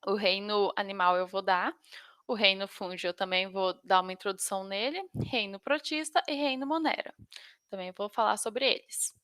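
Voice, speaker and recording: Bright-voiced Brazilian woman teacher with slight lisp. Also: mid-range voice, moderate pace, clear, resonant tone, no echo, clean studio sound. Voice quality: slight lisp, tongue-tied. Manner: stumbles over technical terms. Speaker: biology teacher. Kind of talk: informal lesson for exam students.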